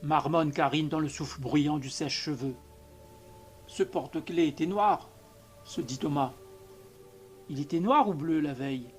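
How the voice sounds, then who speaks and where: A man reading a short story aloud as an audiobook narrator, in a measured, calm manner. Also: a little high, faint music behind. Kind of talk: scripted narration.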